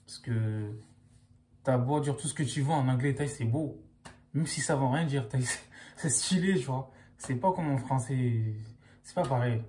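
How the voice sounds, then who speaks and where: Young guy vlogging, mellow, slangy and loose, heavy on fillers. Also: medium pitch, moderate pace, slight background noise. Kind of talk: casual chat to camera.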